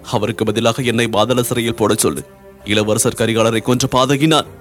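A man's voice: mid-range voice, natural voice. A man voicing a grieving young noblewoman who pleads through sobs. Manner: sobbing, imploring.

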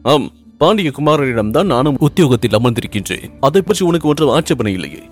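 A man voicing an ardent young prince, pitched high. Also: expressive, brisk, soft background music, lightly acted. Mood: teasing. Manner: earnest, pleading, rising with emotion. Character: young Pandya prince, ardent and anxious lover.

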